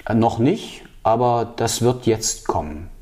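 A man gives long, earnest answers in an interview. His voice is mellow and low-key. He halts often, restarting phrases and filling pauses with hesitation sounds. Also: expressive. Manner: halting, many fillers and restarts. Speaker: political candidate.

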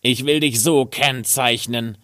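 A man's voice: medium pitch, steady tone, takes it slowly, pushed and bright, no echo, clean studio sound, pitched above the performer's own voice. A man playing a hot-tempered old tailor in a storybook reading, scolding and indignant. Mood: enraged.

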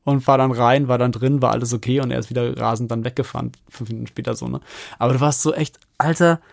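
A man's voice: mid-range voice, creaky, no echo, studio quality. A man co-hosting a podcast, animatedly telling an anecdote in a casual chat with lots of fillers. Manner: animated storyteller, rapid with many fillers. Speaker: podcast co-host.

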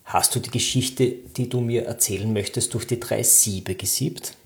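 A man reading the part of a wise old male philosopher, who asks calm, patient questions. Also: lowish voice, normal speed, gravelly. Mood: calm questioning.

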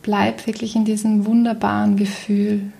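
Leading a guided meditation, this woman speaks at a medium pitch in a gentle, breathy near-whisper. Her delivery is soothing and calm, with long stretches of silence between phrases.

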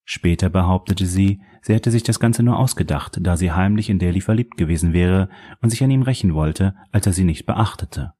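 Low, husky male audiobook narrator. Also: normal speed, hardly any pauses, mellow. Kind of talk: scripted narration of a crime novel.

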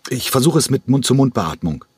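A man's voice: mid-range voice, very animated, fairly quick, husky, no echo, voice pushed up. A man voicing a hesitant male ballet master who stammers.

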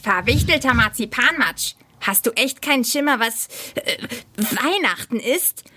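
A cheeky little Christmas elf boy, brash and quick-tempered, huffing with playful indignation, as a woman puts him on in a storybook. His voice is pitched up and punchy. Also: lively intonation, sharp tone, breathy edge, full character voice. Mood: huffy. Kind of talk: storybook reading.

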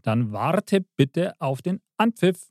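A man playing a video game with friends, giving excited, playful mock football commentary and cheering the others on. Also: fairly high pitch, takes it slowly, dry recording, studio quality. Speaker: player doing mock commentary.

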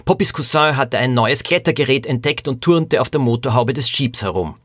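A man, the author, narrating a storybook for children and then telling how it was made, in a calm storytelling manner. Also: mid-range voice, fairly quick, dry recording, clean studio sound.

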